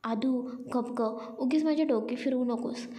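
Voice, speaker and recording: A woman's voice: high voice, measured pace, dark tone. A woman voicing a bashful young bride who gets irritated at teasing. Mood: flustered.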